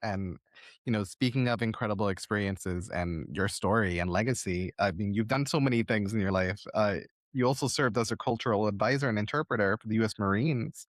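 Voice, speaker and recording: Low-voiced male podcast host. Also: brisk, dry recording, clean studio sound. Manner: attentive, affirming interviewer. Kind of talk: podcast interview.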